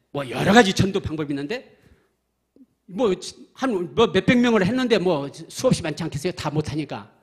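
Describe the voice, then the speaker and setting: Husky-voiced older Korean church elder. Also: male voice, on the high side. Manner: lively storytelling, acts out quoted dialogue, asks the congregation questions. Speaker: church elder giving testimony. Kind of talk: evangelism testimony sermon.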